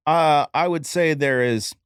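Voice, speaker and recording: A man's voice: a little high, a little slow, clear, resonant tone, no echo. A man co-hosting a podcast in casual banter, rambling loosely and dropping offhand facts. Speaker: podcast co-host.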